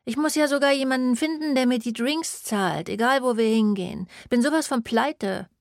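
A woman's voice: mid-range voice, lively intonation, brisk, no room sound, studio quality. A woman voicing a broke young student who whines and snaps back defensively. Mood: whiny. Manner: whiny, defensive.

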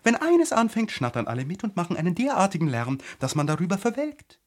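A man's voice: high-pitched, fast, voice pushed up, heavily acted. A man putting on a haughty, fiery tiger lily. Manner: sharp, imperious and easily excited.

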